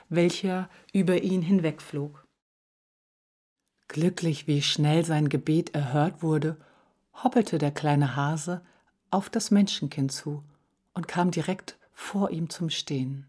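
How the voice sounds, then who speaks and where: A woman reads a children's storybook aloud in a low, calm voice. She takes her time, measured and even from line to line. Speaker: narrator. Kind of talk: storybook narration.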